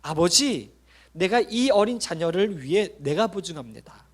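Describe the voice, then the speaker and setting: Preacher as a solemn male savior, emphatic, declaring, loud and measured. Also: high voice, animated, breathy edge, full character voice. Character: firm, loving male savior vouching for his child.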